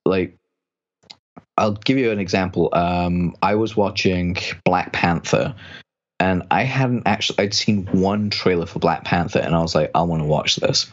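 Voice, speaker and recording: This podcast guest has a low-pitched voice and speaks at a moderate pace, his transatlantic accent marked by hard R's. The recording sounds muffled as he talks easily about copywriting and voice work.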